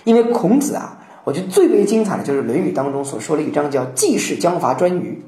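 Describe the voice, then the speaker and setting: A woman lecturing on classical poetry, telling stories in an animated way and acting out quotations. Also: low voice, fast. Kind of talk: lively storytelling lecture. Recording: roomy echo.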